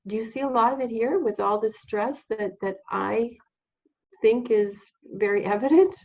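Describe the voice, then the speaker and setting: A woman's voice: a little high, normal speed, a little mellow, highs cut off. A woman who works as a psychotherapist, a guest chatting casually and asking plenty of questions. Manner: chatty, asks many questions. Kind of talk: casual conversation.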